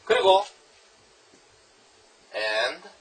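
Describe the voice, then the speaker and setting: Animated male literature lecturer. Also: medium pitch, far from the mic, background noise. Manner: animated, rhetorical questions, reads English lines slowly. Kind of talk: classroom lecture on a novel.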